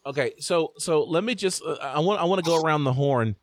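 A man's voice: a little high, fairly quick, dry recording. A man hosting a casual sports podcast, leading the chat and telling stories with restarts. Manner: animated, talks through stories with restarts. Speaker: podcast host.

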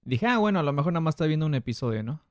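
A man hosting a casual podcast in a slightly high voice with a northern Mexican accent. He tells stories in loose street slang and acts out both sides of conversations, recorded close and dry. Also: very fast, dry recording. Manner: animated retelling with acted-out quotes and street slang. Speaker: podcast host. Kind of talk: casual slangy podcast chat, telling anecdotes.

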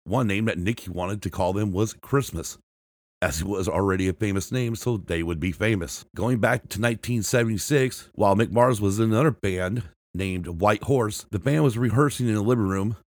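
A man with a lowish voice reads a band's history for his podcast, recorded close and dry with no room sound. He often trips over words and restarts them, and he marks every quotation aloud. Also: moderate pace, no echo. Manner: reads from a script with frequent restarts and self-corrections; marks quotes aloud with "and I quote" and "end quote". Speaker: podcast host. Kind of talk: read-aloud music history narration.

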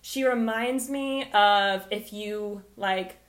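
A woman's voice: medium pitch, slow pace. A young woman in her twenties co-hosting a podcast, chatting casually and leaning heavily on fillers like "like" and "um". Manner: laid-back, heavy on fillers like "like" and "um". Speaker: podcast co-host. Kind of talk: casual chat.

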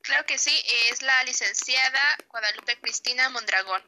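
Woman playing concerned Mexican daughter, high forceful voice, polite and earnest amateur role-play. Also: normal speed, poor audio. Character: dutiful, concerned adult daughter.

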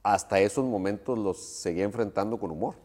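Male host, low voice, short prompting lines. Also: brisk, a little mellow. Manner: brief, prompting interjections. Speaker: interview host. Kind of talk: interview. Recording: long reverb.

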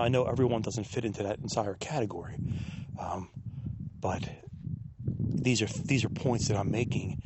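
A man hosting a podcast, musing aloud in a soft-spoken reflective monologue while walking a quiet wooded trail, captured on a handheld digital recorder without a windscreen. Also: lowish voice, slight background noise. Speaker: podcast host. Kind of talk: reflective solo monologue on a walk. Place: outdoors on a quiet wooded trail in a state park.

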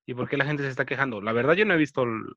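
A man with a Mexican accent in casual chat as a podcast co-host, relaxed, slangy and asking questions. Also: mid-range voice, racing, dry recording. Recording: dull, dry close mic.

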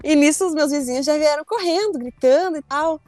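A young woman telling a story in a casual chat, animated, acting out her own shouts and quotes. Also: high voice, brisk, a loud crowd. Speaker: storyteller guest.

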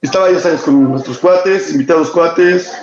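A man's voice: a little high, moderate pace, a little mellow, reverberant, highs cut off. A young man with a Mexican accent, co-hosting a casual chat and telling stories in slang, often laughing.

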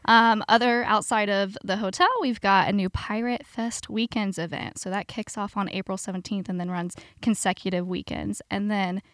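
A woman's voice: mid-range voice, flat delivery, moderate pace, hardly any pauses, a bit bright, no room sound, clean studio sound. A woman, a PR manager guesting on a podcast, bubbly and promotional as she describes upcoming events. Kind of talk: casual interview.

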